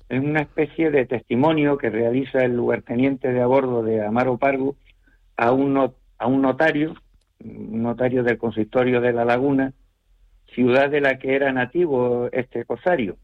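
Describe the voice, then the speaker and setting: Being interviewed about his work, this Canarian novelist talks in a reflective, measured manner, dropping in small pauses and tag questions. He has a middle-pitched voice with fairly level intonation, heard through a slightly muffled radio sound.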